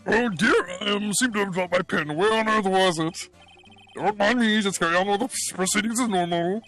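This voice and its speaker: A timid elderly judge, as a man puts him on. He speaks hesitantly and fussily, in a high, gravelly voice. It is a voiced game playthrough. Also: moderate pace, a bit bright, faint music behind. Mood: flustered.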